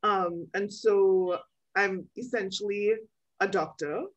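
A woman developmental pediatrician explaining things in an interview over a video call, measured with frequent ums. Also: medium pitch, steady tone, poor audio.

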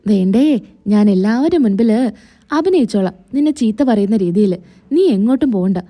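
A woman retelling a serial, voicing a quick-tempered young man who snaps and scolds. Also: medium pitch, animated, mellow, lightly acted. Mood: sheepish.

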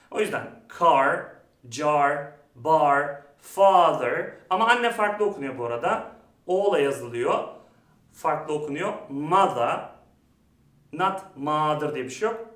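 A man's voice: high-pitched, recorded from a distance. Man teaching pronunciation in a roomy room. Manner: drawn-out model words, animated teaching. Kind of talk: lesson. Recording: roomy, off-mic sound.

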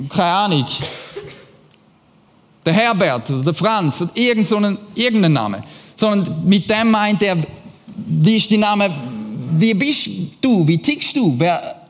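A young man with a Swiss German accent giving a casual youth sermon, explaining things chattily with rhetorical questions. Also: sits high. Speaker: youth church preacher. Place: church hall. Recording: long hall reverb.

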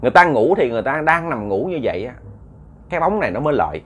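A man's voice: mid-range voice, big pitch swings, very fast, a bit bright, a little hiss or hum. A man telling a ghost story in a chatty, casual way. He repeats words often and talks straight to his listeners.

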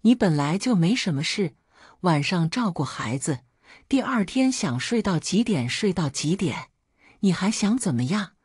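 A woman's voice: on the low side, sing-song, measured pace, darkish tone, slightly rough, no room sound, clean studio sound, full character voice. A woman voicing a selfish, careless husband who talks impatiently and reproachfully.

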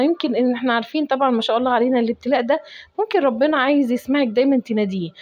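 A young woman with an Egyptian accent talks very quickly in a slightly high voice as she cooks and gives heartfelt advice. The sound is a little dull and lo-fi. She is recorded in her home kitchen. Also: darkish tone. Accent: Egyptian Arabic. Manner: rapid, chatty, giving heartfelt advice. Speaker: cooking vlogger. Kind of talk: casual chat while cooking.

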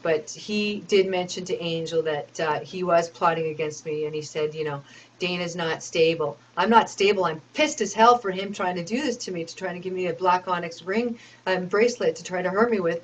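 A woman's voice: lowish voice, brisk, a little hiss or hum, poor audio. A woman telling a rambling personal story, aggrieved and complaining, with many fillers and restarts.

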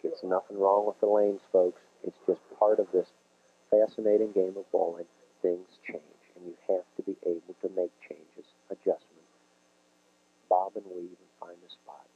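A man with a Midwestern American accent calls bowling on TV in a low voice with a level tone at normal speed, folksy as he explains the game to viewers. The sound is a dull, lo-fi 1980s TV broadcast.

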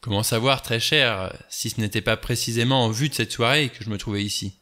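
A man's voice: mid-range voice, fairly quick, pushed and bright, natural voice. A man reading the part of a cool, sardonic male adventurer who talks in a wry, offhand way.

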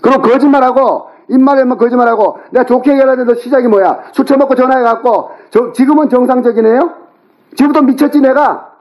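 A middle-aged man on a phone call, angrily yelling, cursing and berating the other person. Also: very high voice, quick pace. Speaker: older brother on a phone call. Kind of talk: heated phone argument. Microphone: phone call recording.

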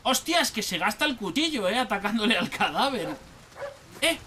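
Excitable high-voiced man from Spain. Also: brisk, noisy background. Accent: Spain Spanish. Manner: exclamatory, chatty, talks to himself. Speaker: gaming YouTuber. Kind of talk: let's play commentary.

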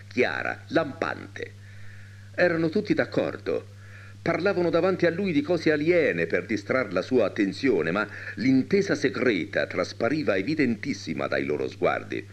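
A man reading a literary short story aloud with dramatic expression. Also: low voice. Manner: dramatic, wide-ranging delivery. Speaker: reader.

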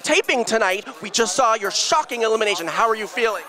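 Gushing, high-pitched male red carpet host. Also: fast talker. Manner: effusive, flattering, theatrical, repeats phrases. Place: crowded red carpet press line. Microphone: handheld interview microphone. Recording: busy event, crowd and music behind.

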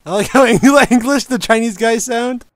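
Giggly high-voiced man joking through a game. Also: moderate pace. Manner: laughing, joking. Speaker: co-player. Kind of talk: casual let's-play commentary.

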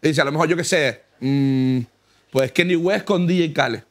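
A man's voice: fairly high pitch, moderate pace. A man telling boastful, mock-humble comic stories in a casual chat, laughing often. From Canary Islands. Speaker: comedian guest. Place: car.

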